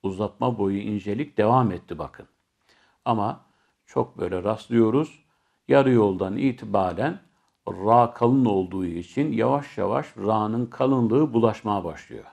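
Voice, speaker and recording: A man teaching Quran recitation, explaining each letter step by step and then chanting the verses slowly. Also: on the low side, creaky, a little mellow.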